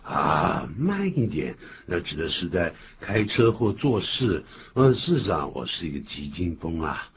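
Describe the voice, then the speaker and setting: A man co-hosting a bilingual radio English lesson, explaining phrases in a lively way and acting out short quotes. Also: deep voice, measured pace, hardly any pauses. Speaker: English teacher co-host. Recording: phone-like lo-fi with faint hiss.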